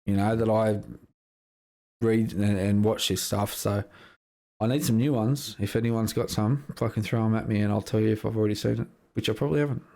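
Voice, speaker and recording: A man's voice: fairly low pitch, fairly even intonation, fairly quick, dark tone. A man with an Australian accent co-hosting a casual chat between mates, laid-back and sweary, often repeating his words. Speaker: podcast co-host.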